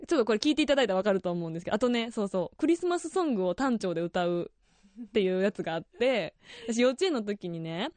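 Lively Kansai woman radio host. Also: mid-range voice, fast, no room sound. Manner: lively, laughing often, chatty. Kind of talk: radio show chat.

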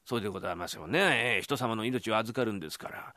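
A man's voice: on the low side, expressive, quick pace, pushed and bright, no room sound, clean studio sound. A man playing a fawning, humble shop clerk who speaks formally in a rakugo comic story. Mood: deferential.

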